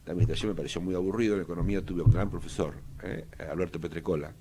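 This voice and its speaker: A man's voice: low-pitched, racing, background noise. An older man from Argentina with an Argentine accent, an economist answering interview questions in a hesitant way, with many fillers and restarts. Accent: Argentine Spanish. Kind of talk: casual interview talk.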